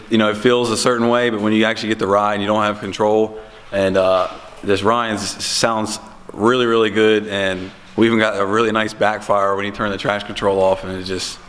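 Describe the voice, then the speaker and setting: Laid-back man with a low voice. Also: flat delivery, brisk, fairly bright tone, a little hiss or hum. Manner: laid-back, filler-heavy. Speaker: vlog host. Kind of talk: casual vlog talk.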